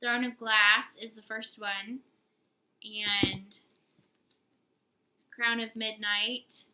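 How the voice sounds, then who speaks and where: A woman's voice: fairly high pitch, little pitch movement, extremely slow, pushed and bright, slight background noise, low-quality recording. A young woman co-hosting a casual book haul video, chatty and giggly, teasing herself as she talks. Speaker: book channel co-host.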